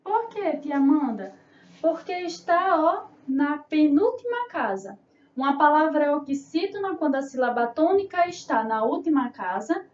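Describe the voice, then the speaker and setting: A woman's voice: high-pitched, expressive, moderate pace. A Brazilian woman teaching young children, drawing out syllables and answering her own questions in a sing-song way. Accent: Brazilian Portuguese. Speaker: primary school teacher. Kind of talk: remote class for children. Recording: roomy, distant, dull lo-fi sound.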